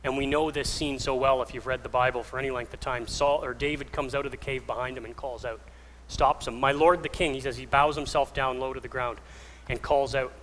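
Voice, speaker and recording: A man preaching a sermon, telling the story with lively acted-out voices, from soft whispers to raised passages. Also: mid-range voice, a little fast. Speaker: pastor. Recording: reverberant hall with faint ambient noise.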